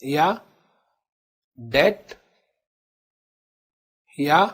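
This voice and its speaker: Indian man teaching, slow repeated key terms. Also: a little high, expressive, a bit bright, slightly rough. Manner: addresses students as children, repeats key terms slowly. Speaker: law teacher. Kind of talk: classroom lecture in Hindi-English mix.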